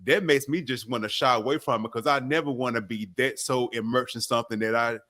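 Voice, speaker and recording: Animated male podcast co-host, dry sound. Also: medium pitch, a little fast, no room sound. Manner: animated, emphatic, stumbles over words. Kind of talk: casual chat.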